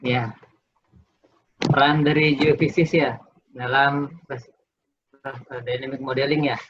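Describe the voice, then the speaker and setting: A man speaking slowly over a video call whose choppy audio glitches and breaks up, checking in with the questioner. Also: medium pitch, flat delivery, fairly bright tone. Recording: dull, lo-fi online call with faint noise and clicks.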